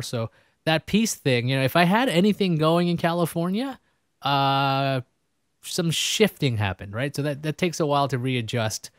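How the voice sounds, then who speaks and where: A man's voice: mid-range voice, no room sound, studio quality. A man hosting a casual interview show, rambling and joking about himself. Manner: rambling, self-mocking, jokey. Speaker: host. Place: New York.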